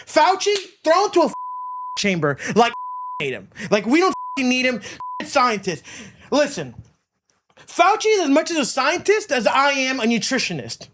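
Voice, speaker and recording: A man from Florida hosts a casual podcast in a loose, profane rant. His voice moves through a wide, lively pitch range, and he hammers his points by repeating them. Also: moderate pace, slight background noise. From Miami, United States. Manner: profane, emphatic, repeats himself. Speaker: podcast host.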